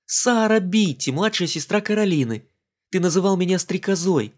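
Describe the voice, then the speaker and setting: A man's voice: high-pitched, expressive, normal speed, pitched above the performer's own voice. A man reading an audiobook voices a playful, mocking young English woman in a raised voice. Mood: teasing.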